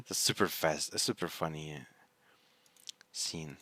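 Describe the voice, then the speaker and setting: This anime reaction host, who isn't a native English speaker, has an extremely low, sharp-toned voice and speaks slowly. He talks casually, rambling as he gropes for words, and there's no echo on the recording.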